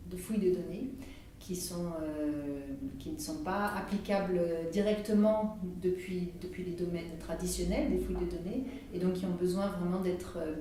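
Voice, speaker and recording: A woman's voice: on the low side, steady tone, normal speed, mellow. A middle-aged woman from France answering interview questions hesitantly, with many restarts and fillers. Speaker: researcher being interviewed. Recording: echoey room, distant mic, faint noise.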